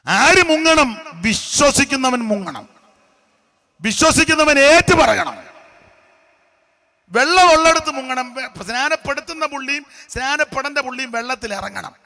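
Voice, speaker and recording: A man preaching a sermon as a pastor, animated and mocking, sometimes breaking into song. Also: extremely high pitch, a little slow.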